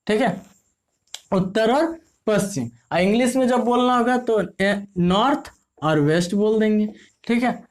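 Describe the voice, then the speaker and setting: Chatty woman teacher, slightly high voice. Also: darkish tone. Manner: repeats "ठीक है" often, asks and answers own questions. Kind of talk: casual classroom explanation.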